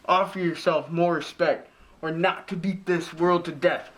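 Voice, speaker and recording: Preachy, overbearing dad, acted by a man, slightly high voice, scolding parody delivery. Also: fairly even intonation, a little slow, a bit bright. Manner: lecturing, scolding. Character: pompous, preachy, overbearing father of grown children. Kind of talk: parody drama acting, modern-English Shakespeare.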